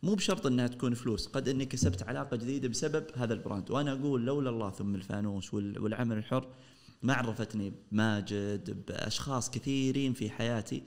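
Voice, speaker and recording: Saudi man, mid-pitch, speaks quickly and earnestly, trails off and restarts. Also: darkish tone. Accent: Saudi Arabic. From Saudi Arabia. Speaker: entrepreneur guest. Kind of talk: casual podcast chat.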